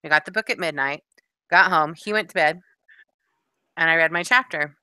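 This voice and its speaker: A woman's voice: low-pitched, moderate pace, bright, forceful tone, smooth, no echo. A middle-aged woman co-hosting a podcast, telling rambling stories with lots of asides in casual chat. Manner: rambling, chatty storytelling with many asides. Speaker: podcast co-host.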